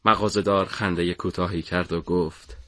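A man narrating a story for an audiobook in a measured, dramatic way. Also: sits low, steady tone, fairly bright tone, no room sound, studio quality.

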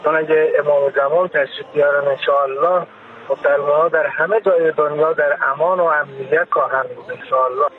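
A man's voice: a little high, steady tone. Devout man calling in on phone line. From Iran. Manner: devout, formal. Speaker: caller.

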